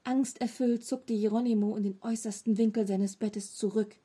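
Breathy woman reading a kids' audiobook. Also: a little high, moderate pace. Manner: steady storytelling. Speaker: audiobook reader. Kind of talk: children's audiobook narration.

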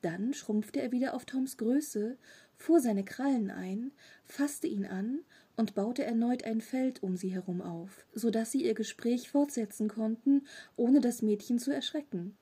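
A woman reading a children's audiobook aloud, in a hushed voice that often drops to a whisper. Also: a little high, a little slow, slightly rough. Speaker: audiobook reader.

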